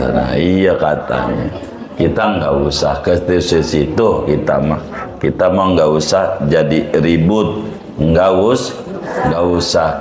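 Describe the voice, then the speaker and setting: A man from Banten, an Islamic cleric giving a chatty, joking religious lesson to a live audience. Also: sits low. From Banten, Indonesia. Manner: jokey, chatty, repeats "begitu", chuckles often. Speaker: Islamic cleric teaching a study group. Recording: roomy hall recording with crowd.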